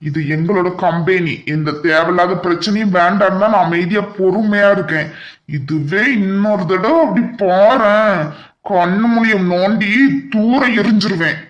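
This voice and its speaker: A man's voice: high-pitched, normal speed, dull audio, lightly acted. A man voicing a blunt young cartoon boss. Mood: angry. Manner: firm, scolding. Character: young male company boss, blunt and protective. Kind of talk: cartoon voice acting.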